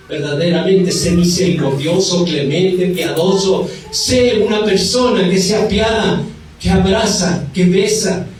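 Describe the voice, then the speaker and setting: A man preaching a sermon with animated, rising and falling emphasis in a church. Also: sits high. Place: church hall. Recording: very echoey hall, mic far off.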